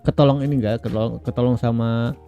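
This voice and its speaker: A man's voice: mid-range voice, fairly even intonation, fast, warm tone, smooth, lo-fi sound, faint music behind. A man co-hosting a casual podcast, mostly agreeing in short replies. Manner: agreeable, brief backchannels. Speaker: podcast co-host.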